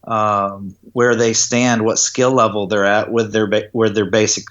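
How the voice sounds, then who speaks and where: A man's voice: lowish voice, flat delivery, a little slow, a bit bright, dull audio. A man who teaches golf putting, explaining his approach in an interview and often checking that the listener follows. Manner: explanatory, checks in with "does that make sense". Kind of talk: interview conversation.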